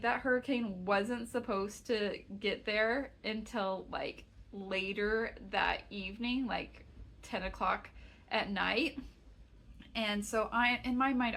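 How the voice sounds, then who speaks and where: A woman's voice: medium pitch, a bit bright. A young woman crochet vlogger telling a travel story in a chatty, exasperated way, full of "like" fillers. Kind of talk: casual storytelling vlog.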